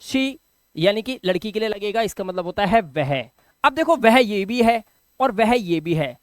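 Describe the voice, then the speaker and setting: A man teaching English vocabulary in a video lesson. He repeats each word, keeps asking if his students follow, and pushes in loud, encouraging bursts. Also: sits high, a little slow, smooth, no room sound, clean studio sound. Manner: drills words, repeats them, keeps asking "ठीक है?"; animated and encouraging, with sudden loud emphasis.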